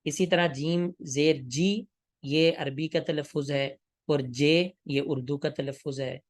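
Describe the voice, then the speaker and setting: A man with a slightly high voice gives a tajweed lesson on Quran recitation. He explains each point steadily and stretches out example syllables slowly so learners can follow. The sound is dry and close, with no room echo. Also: little pitch movement. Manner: slow, drawn-out demonstrations of Arabic pronunciation.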